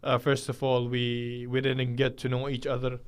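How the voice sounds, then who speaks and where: A man's voice: medium pitch, completely flat delivery, moderate pace, smooth. A man raised in the UAE chatting casually on a radio show, agreeing and building on his co-host's points with frequent uhs. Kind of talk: casual chat.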